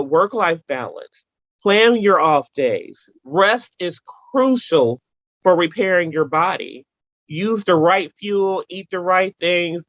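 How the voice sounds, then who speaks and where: A woman guest in a casual interview, telling animated stories with emphatic repetition and playful sound effects. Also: fairly low pitch, no room sound, dull audio.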